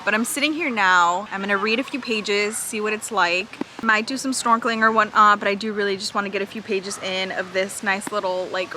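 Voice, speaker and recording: A woman's voice: medium pitch, sharp tone, a little hiss or hum, rough recording. A young woman chatting casually in a book vlog from a beach, rambling with lots of "like" fillers. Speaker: book vlogger. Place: outdoors at a beach.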